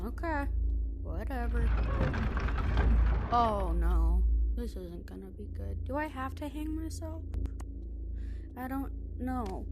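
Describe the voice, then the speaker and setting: A woman's voice: a little high, expressive, takes it slowly, pauses often, over loud music. A woman role-playing in character through a VR game, fretting and groaning dramatically. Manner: dramatic groaning and fretful exclamations.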